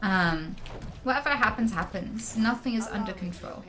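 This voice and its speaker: A woman's voice: mid-range voice, normal speed, poor audio. A woman live streamer chatting casually while gaming, with an involuntary hollow mouth-popping tic and sudden blurted interjections. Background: music.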